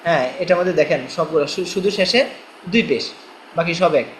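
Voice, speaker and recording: A man teaching Quran reading, spelling syllables slowly and patiently for learners to repeat. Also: a little high, a little hiss or hum, poor audio. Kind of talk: spelling drill lesson.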